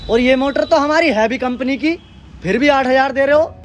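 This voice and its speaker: A man acting in a comedy sketch, gruff and boastful. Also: very high-pitched, normal speed, far from the mic.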